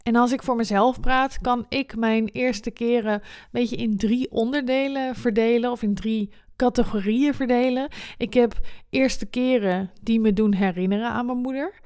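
Candid young woman with a smooth voice. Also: a little high, fairly even intonation, moderate pace, darkish tone, no room sound, studio quality. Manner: candid, frank, swears freely. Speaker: podcast host. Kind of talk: personal monologue podcast.

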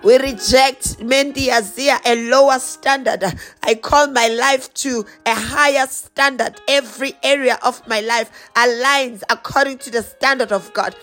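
High-voiced woman praying in tongues. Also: steady tone, fairly bright tone, faint music behind. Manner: slow, rhythmic, repeated declarations. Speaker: prayer leader. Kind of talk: fervent spoken prayer with speaking in tongues.

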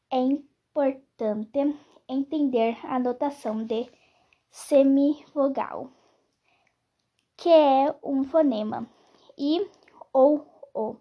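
A woman reading a grammar lesson aloud in a slow, halting way, restarting on some words. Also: sits high, lo-fi sound.

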